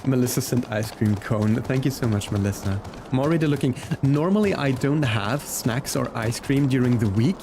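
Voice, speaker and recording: A Belgian man who learned English, his second language, from video games chats casually with viewers as a live game streamer, greeting them by name. His medium-pitched voice is expressive and moves at a moderate pace with hardly any pauses. Background noise can be heard.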